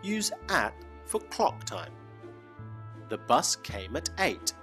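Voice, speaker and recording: A man presenting an English lesson in clear, teacherly narration. His pitch swings very widely as he speaks, and faint music plays behind him. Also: big pitch swings, sharp tone. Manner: clear teacherly, slow for examples. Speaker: lesson host.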